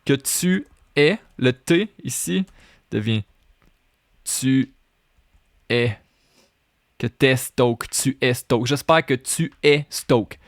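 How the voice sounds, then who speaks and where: A man's voice: medium pitch, drawn-out words, pauses often, no room sound, studio quality. A man with a Québécois French accent, explaining his own rap lyrics line by line, repeating phrases and slipping into English. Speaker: French teacher and rapper.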